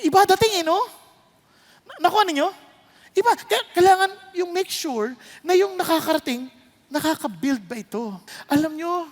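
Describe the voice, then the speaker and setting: A woman with a Filipino accent preaching a sermon to a congregation. She mixes English into her talk and keeps checking in with the listeners through quick questions. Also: fairly high pitch, long reverb tail.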